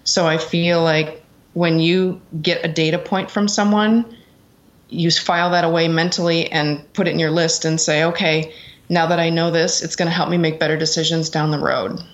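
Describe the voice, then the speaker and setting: A middle-aged American woman, an executive assistant, appears as an interview guest and answers earnestly and reflectively in a conversational way. Her voice is low, with little pitch movement and a normal speed, and the recording sounds dull and lo-fi.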